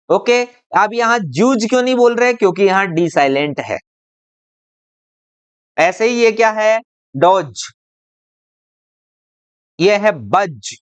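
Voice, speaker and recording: Patient teacher with a smooth voice. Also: mid-range voice. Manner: patient and repetitive, drawing out example words slowly; asks the viewer questions and answers them. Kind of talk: classroom-style explainer video.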